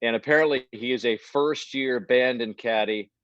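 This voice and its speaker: A golf broadcaster joins as a guest on a casual phone-in interview over a video call, his audio choppy and breaking up on a dull lo-fi line. He has a medium-pitched, fairly bright voice at a moderate pace, recorded dry, and he rambles and restarts his sentences.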